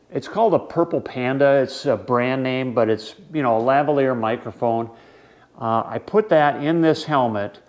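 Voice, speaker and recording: A man with a medium-pitched voice talks as a vlog host. He explains gear casually and conversationally, halting now and then and stretching words.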